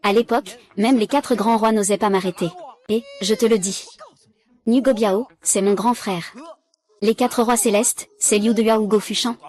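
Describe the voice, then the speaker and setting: A woman reads every part of a drama dub herself. Her voice is middle in pitch and stays even and unvaried from one character to the next. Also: normal speed. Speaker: voice-over dubber. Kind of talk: single-voice dub of a drama series.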